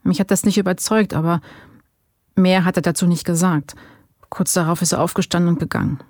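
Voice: mid-range voice, fairly even intonation, brisk, a little mellow, no echo, clean studio sound, natural voice. The narrator reading an exhausted male informant who gives weary, defensive answers under questioning.

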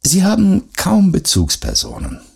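A man voicing a sharp, probing female interrogator who presses with pointed questions in an audiobook reading. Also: high voice, wildly swooping pitch, a little slow, creaky, breathy edge, voice pushed up, heavily acted. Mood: pressing.

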